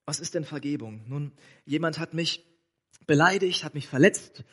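Brief: man, pastor, preaching in a storytelling manner, pitch a bit high. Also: moderate pace, fairly bright tone, breathy edge. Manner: storytelling, addresses listeners directly. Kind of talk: sermon.

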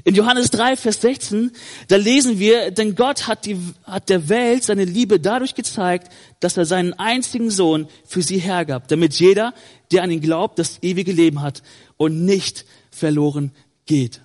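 A man's voice: high voice, moderate pace, darkish tone, long reverb tail. A man preaching a sermon, earnest and encouraging, who addresses listeners directly and often says "hey".

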